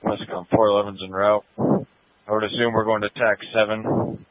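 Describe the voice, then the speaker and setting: A man's voice: fairly low pitch, flat delivery, normal speed, dry recording. A man speaking as a fire engine officer in radio traffic, heard through a two-way radio. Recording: narrow, phone-like two-way radio.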